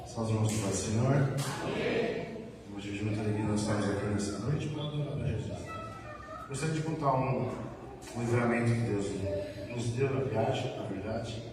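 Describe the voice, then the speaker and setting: A man's voice: fairly low pitch, moderate pace, long pauses. Man, Brazilian Portuguese accent, church testimony, rambling and repetitive, heard from far off, long hall reverb. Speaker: church member giving testimony. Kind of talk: spoken testimony at a church service. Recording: echoey church hall from far off with background noise.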